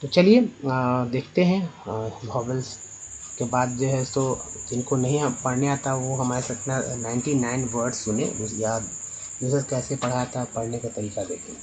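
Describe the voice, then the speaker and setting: A man teaching English pronunciation as a spoken lesson. He spells words letter by letter, slowly and with many repeats. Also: medium pitch, steady tone, darkish tone, a little hiss or hum, low-quality recording.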